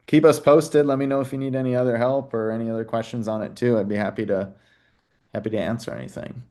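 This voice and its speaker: A man's voice: medium pitch, fairly even intonation, fast, darkish tone. A man hosting a live question-and-answer session, talking casually with many fillers. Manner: casual, chatty, plays sellers' lines in quotes, many "you know"s. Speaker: host. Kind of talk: live Q&A on a video call.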